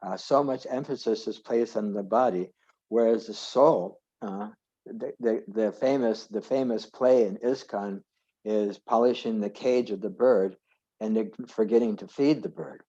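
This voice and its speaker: A man with a low, mellow voice leads an informal scripture class. He wanders off on tangents and stops to correct himself. His voice comes over a muffled video call line. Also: measured pace. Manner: rambling, self-correcting, digressive. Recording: dull lo-fi video call audio.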